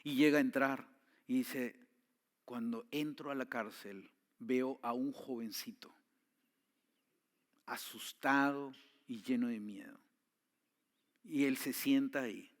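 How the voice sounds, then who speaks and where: A man preaching a sermon, telling a story with swings from hushed tones to loud pleading. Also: mid-range voice. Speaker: pastor.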